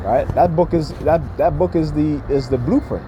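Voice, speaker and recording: A man's voice: on the high side, normal speed, lo-fi sound, noisy background. A man giving an informal, opinionated rant, emphatic and often checking in with short questions. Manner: emphatic, repeatedly punctuates points with check-in questions like "right?" and "okay?". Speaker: speaker giving commentary.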